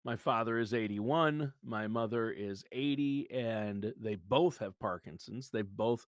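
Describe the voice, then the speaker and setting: A man's voice: on the low side, a little slow, no echo, studio quality. A man in his fifties co-hosting a podcast in casual chat, chatty and joking, laughing often. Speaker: podcast co-host.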